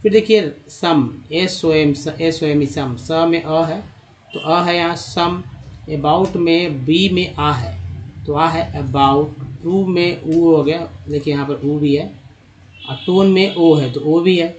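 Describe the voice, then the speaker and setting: A man with a fairly high voice teaches English spelling and pronunciation, drilling each sound slowly and repeating it. He addresses his viewers as friends. The recording has dull lo-fi sound.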